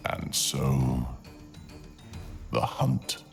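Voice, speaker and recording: In an ASMR storytelling style, a male narrator reads scripted fantasy in an exceptionally deep, gravelly monotone. Each phrase is placed slowly and deliberately, broken by dramatic pauses, with faint music underneath.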